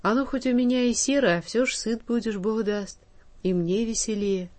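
A woman's voice: a little high, normal speed, a little mellow, close to an everyday voice. A woman voicing a kindly, bustling, pious old male forester in a read-aloud story, speaking in folksy rustic talk. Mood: moved. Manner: folksy rustic speech, cheerful fussing.

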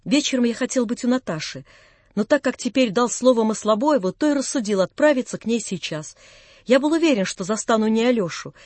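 A woman's voice: fairly high pitch, no echo. Woman narrating a classic novel. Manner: measured, expressive first-person storytelling. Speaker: audiobook narrator. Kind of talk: literary audiobook narration.

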